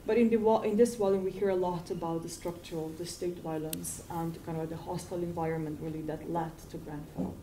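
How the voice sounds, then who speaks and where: A woman in her forties speaks on a panel in a low, mellow voice, halting often with ums and restarts. She is picked up from across a university seminar room, so the sound is roomy and distant, with faint ambience behind. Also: a little hiss or hum. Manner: hesitant, many fillers and restarts. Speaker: academic panelist. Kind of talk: academic panel response. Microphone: far room mic. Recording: echoey room from far off.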